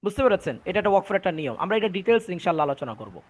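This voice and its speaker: Brief: male Quran tutor, Bangladeshi Bengali accent, high voice, patient, repeats each rule. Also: big pitch swings, very fast. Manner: patient, repeats points, drills students. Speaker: Quran recitation teacher. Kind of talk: online class teaching.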